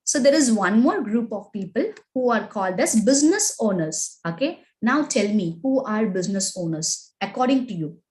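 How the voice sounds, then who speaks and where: On a rough recording, a woman with an Indian English accent teaches an agile course live online. Her mid-range voice is animated and slightly mellow, moving at normal speed with hardly any pauses, as she questions the group, reads chat responses aloud and sprinkles in "right?" and "okay?".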